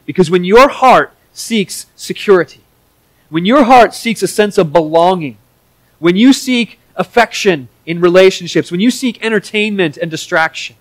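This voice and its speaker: A man's voice: sits high, expressive, moderate pace. A male pastor preaching a sermon with a slightly raised voice. He talks in an earnest, conversational way and sometimes restarts his phrases. The sound is dry and close, with little room echo.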